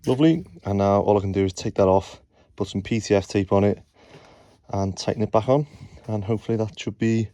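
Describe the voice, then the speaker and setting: A man's voice: fairly low pitch, little pitch movement, fairly quick, dark tone, no echo. A man filming himself on a phone while fixing plumbing and wiring, chatting through each step. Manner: chatty, explains as he works, says "obviously" often. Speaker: tradesman filming his call-outs. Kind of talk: casual explaining while working. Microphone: handheld phone.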